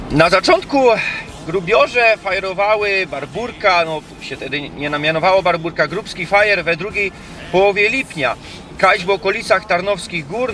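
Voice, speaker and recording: A man's voice: high voice, bright, forceful tone. A man with a Silesian accent presenting an informal explanatory vlog in dialect. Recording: distant mic, music behind.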